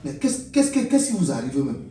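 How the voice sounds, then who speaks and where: A man's voice: fairly high pitch, very animated, normal speed, warm tone. A man with a Cameroonian French accent playing a stern, blustering older stepfather who keeps scolding. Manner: scolding, repeats himself, demanding. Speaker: stepfather in a comedy web series. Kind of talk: comedy web series acting. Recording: roomy echo, far from mic, light music.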